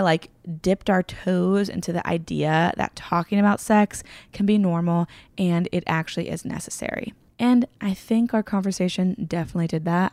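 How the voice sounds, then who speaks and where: A woman's voice: fairly low pitch, gravelly, a little mellow, no room sound. A woman hosting a podcast, chatting casually and gushing, with lots of filler words. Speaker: podcast host. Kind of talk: casual podcast intro and interview. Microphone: remote call recording.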